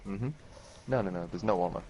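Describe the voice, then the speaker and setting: A Scottish man chatting dryly and deadpan with a friend while they play a game. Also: low-pitched, fairly quick, slight background noise. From Scotland. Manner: dry and deadpan. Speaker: co-player. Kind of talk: casual gaming chat.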